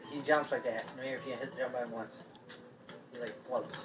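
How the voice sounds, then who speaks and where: A man's voice: mid-range voice, steady tone, a little fast, fairly bright tone. A man chatting casually over a video game in a living room. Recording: roomy, distant mic, game music.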